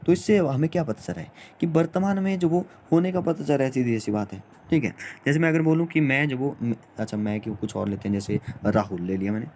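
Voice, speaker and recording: A man teaching a grammar lesson in an informal manner, repeating himself and often pausing on fillers. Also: medium pitch, darkish tone, slight background noise.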